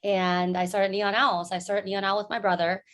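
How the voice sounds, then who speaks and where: A woman's voice: medium pitch, level tone, moderate pace, a bit bright. Friendly woman guest telling her story. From San Francisco, US. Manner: friendly, laughs often, storytelling. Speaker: guest, founder. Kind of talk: casual interview chat.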